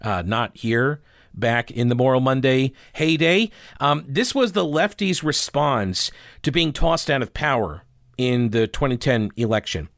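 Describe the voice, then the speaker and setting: A man hosting a talk podcast with a slightly harsh, hoarse voice, speaking informally and with opinion. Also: medium pitch, a bit bright, no echo, clean studio sound. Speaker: radio and podcast host. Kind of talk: conversational talk show monologue.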